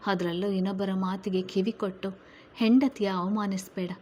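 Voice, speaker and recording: A woman voicing a loud, stern, protective mother. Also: medium pitch, steady tone, normal speed, a little hiss or hum, lightly acted. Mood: firm. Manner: loud, forceful, scolding. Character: stern, protective middle-aged mother scolding relatives.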